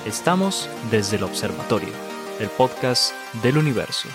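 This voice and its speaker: A man's voice: on the low side, big pitch swings, normal speed. A man reading a scripted podcast introduction. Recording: loud guitar music under voice.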